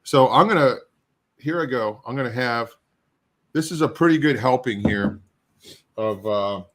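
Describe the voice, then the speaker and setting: A man's voice: medium pitch, slight background noise. Rambling middle-aged man with a runny nose. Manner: rambling, halting, self-deprecating. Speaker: show host. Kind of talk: casual chat while tasting hot sauce.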